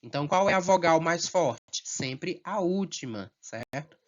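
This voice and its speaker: A patient teacher, explaining French grammar slowly and checking in often with the class. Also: mid-range voice, expressive. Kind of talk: language lesson. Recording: slightly dull lo-fi sound.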